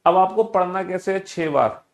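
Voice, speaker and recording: A man's voice: high voice, normal speed. Coaxing, repetitive male teacher. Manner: repetitive, coaxing, drills students by rote; affectionate and teasing with students. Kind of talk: classroom lesson.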